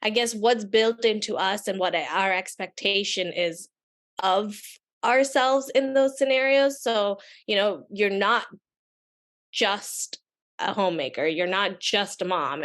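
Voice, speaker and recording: A woman's voice: medium pitch, slow pace, fairly bright tone. A woman in her thirties from Pakistan, speaking on a panel in a chatty way full of fillers. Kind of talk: panel discussion.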